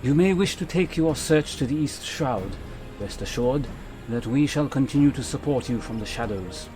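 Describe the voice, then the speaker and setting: A man's voice: mid-range voice, lively intonation, moderate pace, music in the background, lightly acted. A man voicing a secretive ninja posing as a merchant in a video game, formal, sly and mysterious. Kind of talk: character voice in a game read-aloud.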